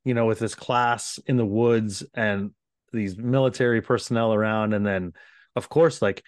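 A man's voice: lowish voice, steady tone, normal speed, no echo, studio quality. A man hosting an interview, asking follow-up questions and reacting with short encouragements. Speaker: interview host. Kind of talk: casual interview.

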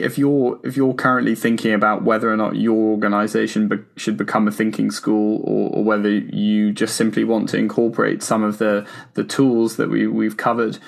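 A man's voice: fairly low pitch, gravelly. A man hosting a podcast in a conversational style, tentatively working his way around each point. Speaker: podcast host.

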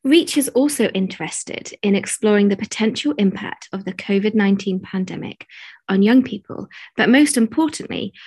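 A woman's voice: mid-range voice, darkish tone, slightly rough. A woman giving a scripted introduction to a podcast episode as a research presenter.

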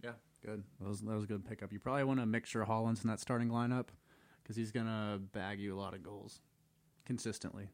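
A man's voice: lowish voice, steady tone, no room sound. Jokey young male podcast host. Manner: jokey, quick banter. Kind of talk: casual chat.

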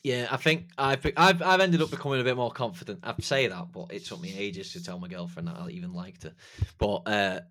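A man chatting as a podcast guest, talking hesitantly with restarts. His mic input is set too high, so his voice clips and distorts. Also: brisk, hardly any pauses, fairly bright tone. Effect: clipping, distorted overloaded mic. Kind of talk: casual conversation. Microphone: remote call mic with input level set too high.

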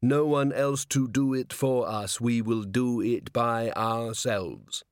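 A literal-minded clay golem constable from an audiobook tale speaks slowly and deliberately, each phrase set down with care. A man gives him voice in a dry, close read. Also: medium pitch, clean tone, dry recording, close to an everyday voice. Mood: earnest. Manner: slow, measured, deliberate, flat.

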